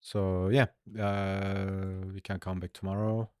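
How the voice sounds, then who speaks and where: A young man chats easygoing and unhurried while he draws on a livestream, answering viewers as they type. His voice sits a bit low. The sound is close and dry, with no room around it. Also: flat delivery, darkish tone, smooth, dry recording. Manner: laid-back, chatty, answers chat aloud. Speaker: art streamer. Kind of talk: casual livestream chat while drawing.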